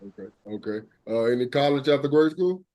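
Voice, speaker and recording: Host, man, easygoing slangy interviewer, warm and mellow tone. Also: medium pitch, animated, fairly quick. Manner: laid-back, repeats "okay, okay", street slang. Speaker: podcast host. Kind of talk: casual interview.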